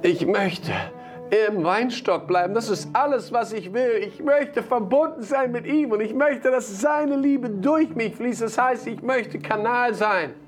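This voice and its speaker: A man delivers a sermon in a notably high voice, leaning hard on repeated phrases and breaking into brief laughs between lines. Soft guitar plays underneath. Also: unhurried, few pauses. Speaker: preacher.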